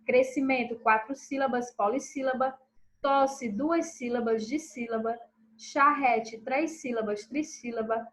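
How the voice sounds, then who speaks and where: A woman teacher going through a recorded review lesson for pupils, checking in with them after each answer and stressing syllables slowly and clearly. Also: on the high side, steady tone, fairly bright tone, low-quality recording.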